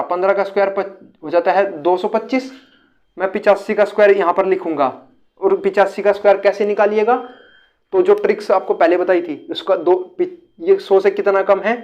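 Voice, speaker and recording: High-voiced man teaching math tricks. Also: a little mellow, muffled recording. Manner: repeats phrases, addresses viewers as friends. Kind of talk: whiteboard math lesson.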